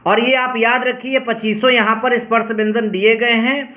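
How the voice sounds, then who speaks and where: A male teacher giving a lesson, repeating each definition slowly and calling on his students to pay attention. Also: extremely high pitch, level tone, bright, forceful tone. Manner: addresses students directly, often says "pay attention". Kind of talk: classroom lesson explaining grammar.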